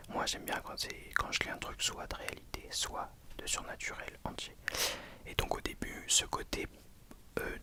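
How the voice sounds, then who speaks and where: A person giving an ASMR book review in a soft, breathy library whisper, hesitant and often self-correcting. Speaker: book reviewer addressing viewers.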